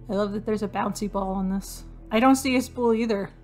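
A woman of middle pitch talks her way through a hidden-object game, listing items and making wry, self-mocking asides. Her voice sounds a little hoarse and worn, as if it is fading. Soft game music plays faintly behind her. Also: steady tone, fairly quick. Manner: chatty, self-deprecating, thinks aloud while searching. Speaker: gaming video host. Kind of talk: casual gameplay commentary.

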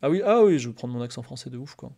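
A man talking casually to his live-stream chat, rambling with many fillers and restarts and turning animated when excited. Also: medium pitch, very fast, creaky.

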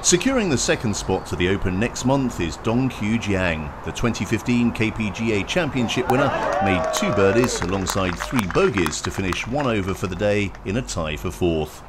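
A man reading a scripted highlights narration of a golf tournament over outdoor ambience. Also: expressive, normal speed, few pauses, noisy background.

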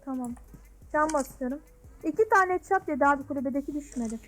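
A woman playing a mobile shooter with friends, shouting quick, excitable callouts in casual gameplay chat. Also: high-pitched. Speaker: mobile game player.

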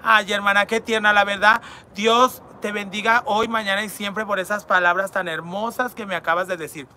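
A man reads out his viewers' messages and answers them with crude, teasing camp humor. His voice sits high for a man and rings bright and forward, with a faint hum of background noise underneath. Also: level tone, normal speed. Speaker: online entertainer reading fan messages. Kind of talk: comedic chat reading viewer comments.

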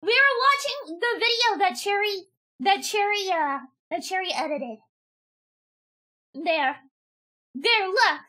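A woman's voice: very high-pitched, lively intonation, slow, pauses often, pushed and bright. A young woman streamer chatting casually on a live stream, gushing and repeating herself often.

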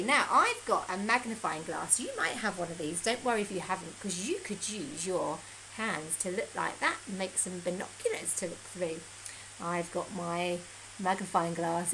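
Brief: young woman, bright kids' class leader, sing-song, swooping pitch, faint room hiss. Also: low-quality recording. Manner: sing-song, animated, gasps with delight. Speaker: children's music class leader. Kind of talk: children's lesson video. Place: at home, indoors.

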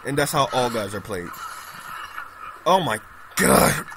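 A man casually commenting on his own game as he plays, excitable and prone to repeating himself. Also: medium pitch, slow, noisy background. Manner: excitable, repeats pleading words, laughs often. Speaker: gamer recording gameplay commentary. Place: at home on a laptop.

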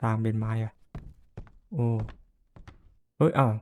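A man's voice: lowish voice, slow, slight background noise. A man playing a horror game and commenting as he goes, jumpy, cursing and laughing nervously. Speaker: gamer.

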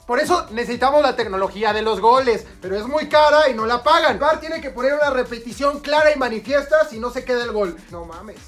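A Mexican woman reacting live to a football match, excitable and slangy, shouting at the big plays. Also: on the high side, a little fast, few pauses, faint music behind.

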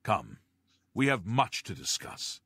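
An actor voicing a mysterious master thief who leads a guild, speaking in measured video game dialogue. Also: male voice, on the low side, sing-song, a bit bright, breathy edge, dry recording, heavily acted. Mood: secretive.

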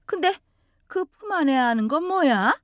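A woman voicing an older mother-in-law who scolds and wails in a shrill, high voice. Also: lively intonation, unhurried, no echo, studio quality. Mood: scolding.

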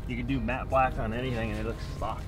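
A thirties man with a mid-range voice talks quickly and flatly, chatting in a relaxed, slangy style like the host of a shop vlog. He's in and around an auto shop and its yard, with a music bed playing under his voice.

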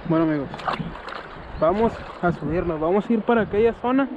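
A young fishing vlogger with a Mexican Spanish accent gives casual commentary from a kayak on a river, filmed on a head-mounted action camera. His high voice moves briskly, and he gets excited at each catch, laughing and shouting. The outdoor recording has clear background noise, and its highs are cut off.

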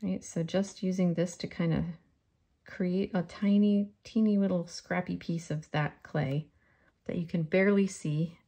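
Woman demonstrating a clay tutorial, slightly low voice. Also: fairly even intonation, a little slow, mellow. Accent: faint New York. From New York. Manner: friendly step-by-step demonstration. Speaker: polymer clay artist. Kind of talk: crafting tutorial.

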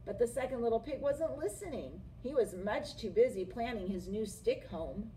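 A woman's voice: fairly high pitch, expressive, moderate pace, dark tone, rough recording. A middle-aged woman reading a picture book expressively to children in a classroom. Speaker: storyteller, teacher. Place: small classroom, indoors. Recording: clear background room noise.

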